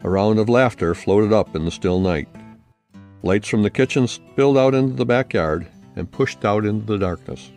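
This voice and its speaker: Author-narrator, male, lowish voice, friendly plain read with soft guitar behind. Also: normal speed. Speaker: author reading his own story. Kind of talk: story reading.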